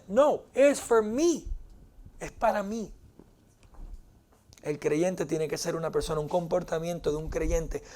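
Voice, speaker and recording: A man's voice: sits high, a little mellow. A man preaching a sermon to a church congregation, playful and joking and dropping English phrases into his talk. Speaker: pastor.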